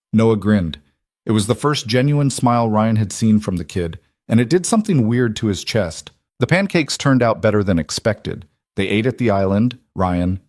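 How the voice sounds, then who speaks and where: Low-voiced male story narrator. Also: darkish tone, no echo, studio quality.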